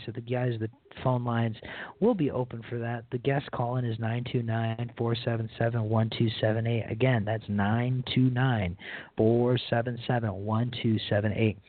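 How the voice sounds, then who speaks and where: A man's voice: mid-range voice, no echo. A man preaching an informal radio sermon in an earnest way, repeating his phrases and calling listeners brothers and sisters, heard over a phone line. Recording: dry, tinny phone-line sound.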